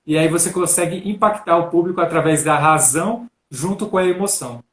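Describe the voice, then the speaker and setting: A Brazilian man, a coach, calmly explaining public speaking on a live stream and often tagging his sentences with a question. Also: on the high side, a little fast, echoey room. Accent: Brazilian Portuguese. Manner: calm, instructive, repeats "né?".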